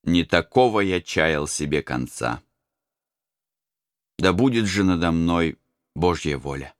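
A condemned captive facing death with grave resignation in a storybook, as a man puts him on. The voice sinks low and slow, close to the reader's own. It is recorded dry. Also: expressive, no room sound. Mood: resigned.

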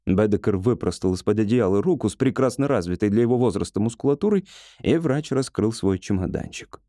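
A man narrates an audiobook in an even, measured storyteller's voice. His tone is mellow and dark, recorded close and dry with no room sound. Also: lowish voice, no echo. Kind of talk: scripted literary narration.

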